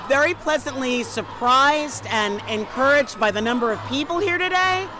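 Lively high-voiced woman interviewer. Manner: chatty, direct questions. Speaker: host and street interviewer. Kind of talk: roving interviews at a march.

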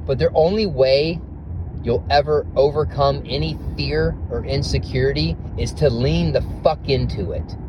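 A man hosting a podcast, talking to himself in a car, recorded as low-quality phone audio. He speaks intensely and swears a lot, firing off rhetorical questions. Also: normal speed, highs cut off. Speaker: podcast host. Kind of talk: motivational self-talk monologue. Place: inside a car while driving. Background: car road noise.

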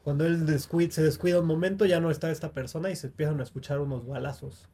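A man's voice: a little high, fairly even intonation, fast, mellow, a little hiss or hum. Man hosting a horror film chat. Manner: guides the segment, recounts scenes at length. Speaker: podcast host. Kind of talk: casual movie discussion.

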